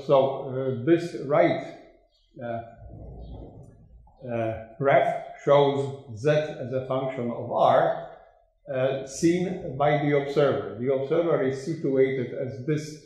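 An older man giving an academic conference lecture, slow and hesitant with many fillers and restarts, in a dark lecture room. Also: mid-range voice, very echoey, rough recording. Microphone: room microphone.

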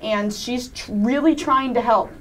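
In a small indoor studio, a teenage student actor answers panel interview questions casually and informally. Her voice is on the high side and unhurried, and the poor audio includes faint room noise in the background.

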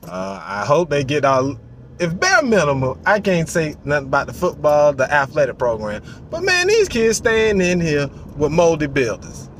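Lively man ranting in a car. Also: a little high, normal speed, a little hiss or hum. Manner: animated, acts out voices, swears freely. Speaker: vlogger. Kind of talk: casual commentary. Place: inside a parked car. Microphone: phone on the dashboard.

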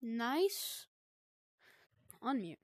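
A woman with a high, light voice gives casual, excitable gameplay commentary, full of slang as she explores a new game. The sound is close and dry, like a headset mic with no room around it. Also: extremely slow, no room sound. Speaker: gaming video creator.

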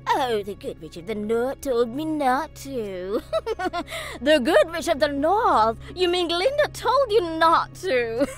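A woman playing a gloating, menacing wicked witch in a family audio drama, with theatrical, mocking, drawn-out taunts. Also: sits high, very animated, a bit bright, soft background music, full character voice.

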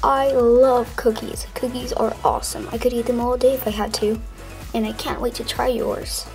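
Eager cookie-loving guy dog toy, woman voicing him, fairly high voice, faint music. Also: normal speed, a little mellow, natural voice. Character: eager male dog toy guest who loves cookies.

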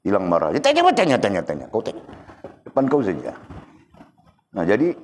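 Deep-voiced Malay-accented man giving a lecture. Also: big pitch swings, brisk, darkish tone, a little hiss or hum. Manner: conversational, teasing asides to listeners; repeats and checks understanding with "kan?". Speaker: religious teacher. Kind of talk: informal religious lecture.

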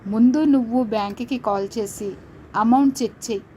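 A pushy young woman friend who talks insistently and loudly, played by a woman narrator. The voice sits a bit high. Faint background noise runs under it. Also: normal speed, close to an everyday voice. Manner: insistent, loud.

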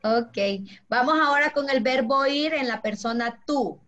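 A woman's voice: high-pitched, measured pace, a bit bright. A woman teaching a class to children, patient and affectionate, walking them through a table of verbs. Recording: dull lo-fi audio.

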